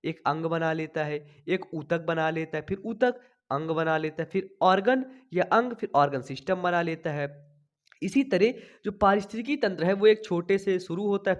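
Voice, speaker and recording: Young male biology tutor, high-pitched, chatty, pacing himself after a cough. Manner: chatty, checks in constantly with "thik hai". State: recovering from a cough, speaking slowly. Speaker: biology teacher. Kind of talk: online class lecture. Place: small home studio. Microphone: sensitive desk mic.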